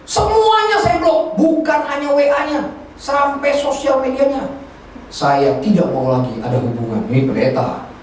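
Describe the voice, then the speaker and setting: A male pastor preaching a sermon, telling stories in a lively, colloquial way. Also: high voice, normal speed, a little hiss or hum. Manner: animated storytelling, colloquial Jakarta slang. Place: church hall. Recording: distant echoey church hall recording.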